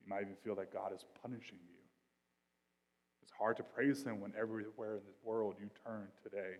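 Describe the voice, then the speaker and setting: A male pastor preaching a sermon in a conversational style, with slang and quick asides, moving between quiet reflection and loud, intense passages. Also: lowish voice, steady tone, big-room sound.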